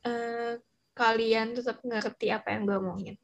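A teenage young woman with a soft, non-rolled R, chatting casually and informally as a podcast co-host. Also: a little high, level tone, measured pace, vocal fry, lo-fi sound. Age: teens. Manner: chatty, informal, slang with English mixed in.

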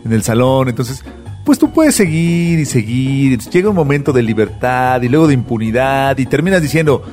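Lively joking male co-host. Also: mid-range voice, moderate pace, soft background music. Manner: joking, chatty. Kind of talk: casual comedy talk show.

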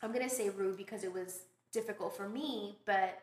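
A woman from Brooklyn, a podcast guest telling stories in casual, animated chat. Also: medium pitch, a little fast. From Brooklyn, New York. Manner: animated storytelling, laughs often. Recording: roomy echo.

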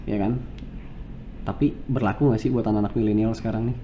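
A man's voice: fairly low pitch, fairly even intonation, quick pace, dull audio, slight background noise. A man from Java hosting a casual chat interview, joking in slangy talk and laughing often. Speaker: host.

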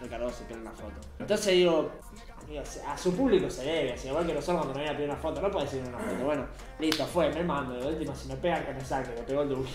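A young man with a Rioplatense accent, telling a story in casual chat, animated and full of acted quotes. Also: medium pitch, racing. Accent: Rioplatense Spanish. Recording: echoey room with faint music.

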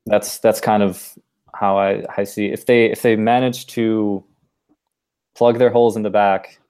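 German-accented man, flat low voice. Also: smooth. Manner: thoughtful, explains at length with restarts. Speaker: podcast co-host. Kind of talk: casual sports discussion.

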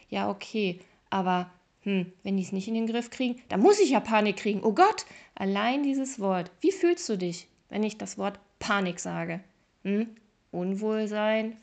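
A woman's voice: medium pitch, creaky, a little mellow. A woman hosting a motivational podcast, talking casually and emphatically straight to the listener, with playful exaggeration. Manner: casual and chatty with fillers. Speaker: podcast host.

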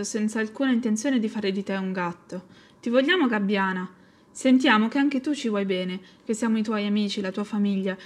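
Zorba, a woman doing a gentle protective big cat. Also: medium pitch, lightly acted. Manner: gentle, earnest.

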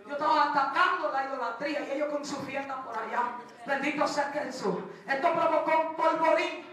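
A woman preacher, delivering a fervent sermon that swings between shouting and hushed testimony. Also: sits high, fairly quick. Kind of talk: Pentecostal-style sermon. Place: large church hall. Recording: very echoey hall, distant mic, congregation.

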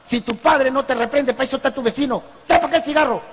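A man's voice: very high voice, quick pace, fairly bright tone, husky, long reverb tail, heavily acted. A man with a Peruvian accent voicing an angry neighbor who scolds harshly and swears. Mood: scolding. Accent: Peruvian Spanish.

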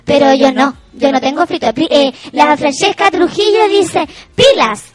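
Voicing her improvised character, a crude-slang-spewing young female cousin with a retail job, the woman reads chat on her comedy stream in a Chilean Spanish accent. Her voice is shrill, loud and full of laughter, yet her pace is unhurried, and faint music plays behind her.

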